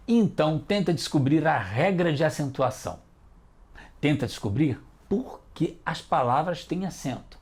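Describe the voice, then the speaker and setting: A man's voice: on the high side, darkish tone. A man hosting a children's educational TV lesson, patiently encouraging the kids as detectives. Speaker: teacher and host.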